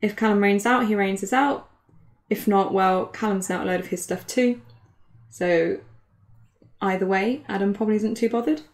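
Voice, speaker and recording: This is a young woman in her twenties doing relaxed commentary on a card tournament game. Her talk is chatty and full of fillers, and giggles come easily to her. Her voice sits at an ordinary middle pitch for a woman. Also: normal speed. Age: 20s. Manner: giggly, chatty, laughs often. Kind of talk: casual live match commentary.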